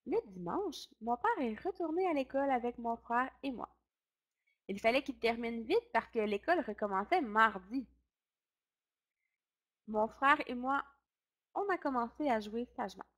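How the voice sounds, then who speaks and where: Expressive woman reading a children's story. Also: on the high side, normal speed, long pauses. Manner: expressive, first-person narration.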